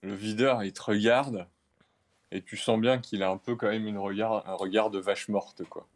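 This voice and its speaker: A man's voice: lowish voice, steady tone, moderate pace. A man acting as game master, explaining a tabletop game in an informal, easygoing way.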